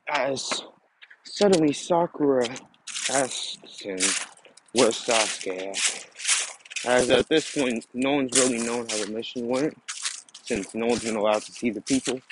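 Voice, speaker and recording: A young man casually narrating a fan story, rambling and restarting phrases as he goes. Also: medium pitch. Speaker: channel host and storyteller. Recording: noisy background.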